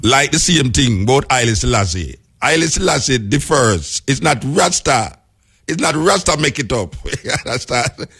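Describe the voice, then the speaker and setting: A man's voice: medium pitch, expressive, normal speed, fairly bright tone, husky. A man with a Jamaican accent talking in Rasta speech with Patois grammar, explaining things emphatically and repeating key phrases.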